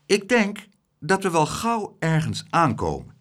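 A man voicing an earnest, steady young boy in an audiobook, raising his voice to sound like a child. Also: a little high, measured pace, voice pushed up, full character voice. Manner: earnest, matter-of-fact.

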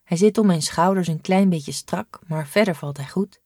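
Woman reading a kids story, low voice, even and clear, dry. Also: normal speed, no echo. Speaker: audiobook narrator. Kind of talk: storybook narration.

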